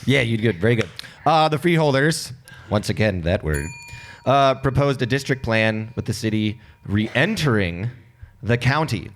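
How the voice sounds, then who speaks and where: Male co-host for live banter, mid pitch with lots of movement, blunt wisecracker. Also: lively intonation, moderate pace, a little hiss or hum. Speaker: podcast co-host. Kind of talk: casual live-show banter. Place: live show taping.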